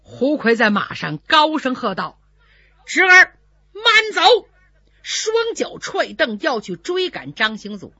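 A woman storyteller narrates a traditional tale in a dramatic, vivid way, voicing the sound effects herself. Her fairly high, bright voice swings widely, with a slight huskiness. The recording is dry and lo-fi. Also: big pitch swings, unhurried, hardly any pauses, slightly rough, no echo. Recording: dull lo-fi recording.

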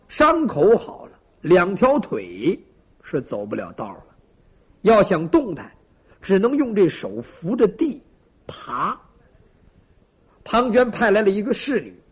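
A man with a high-pitched, slightly rough voice tells a traditional story dramatically, adding sound effects and asides to his listeners. The recording is lo-fi and dull.

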